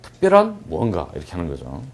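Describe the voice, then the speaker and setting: A man's voice: low-pitched, huge pitch swings, vocal fry. A man teaching English reading in Korean, translating a story line by line and joking as he acts out scenes. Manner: jokey, acts out scenes with quick asides and laughs.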